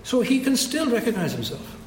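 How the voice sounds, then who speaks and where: This older man from Wales, a native Welsh speaker with a Welsh accent, gives a reflective public lecture at a society event, often restarting. His voice is extremely high with big pitch swings, and he talks fairly quickly. Recorded in an echoey lecture hall, with slight background noise.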